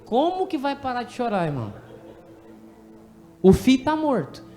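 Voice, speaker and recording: A man with a Brazilian Portuguese accent preaching an animated, jokey sermon in a church, directing people from the pulpit to act out a story. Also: very high voice, moderate pace, soft background music. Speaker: pastor. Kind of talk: lively sermon with congregation re-enactment.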